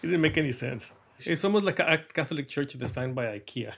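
This middle-aged Mexican artist has a fairly high, animated voice with vocal fry and a Mexican accent. Interviewed for a documentary, he speaks reflectively, with frequent pauses, fillers, and quiet laughs.

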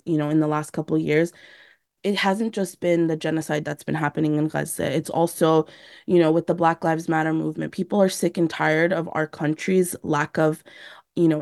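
A young woman with a low voice and a gravelly edge answers as an organizer in an interview. She talks in an earnest, loose way, often saying "you know" and "like". The sound is dry and close. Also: a little mellow, no room sound. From San Diego, USA. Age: young adult. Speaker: youth organizer guest. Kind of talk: radio interview.

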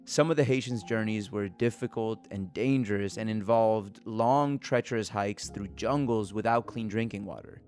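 A man reporting and hosting, telling a documentary story in a steady, earnest way. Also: on the low side, normal speed, hardly any pauses, faint music behind. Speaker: podcast reporter and host. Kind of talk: documentary podcast narration.

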